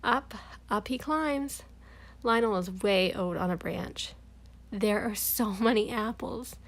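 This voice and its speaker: A woman reading a children's storybook aloud, expressive and dropping to a whisper at tense moments. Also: medium pitch, slow pace. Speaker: storybook reader.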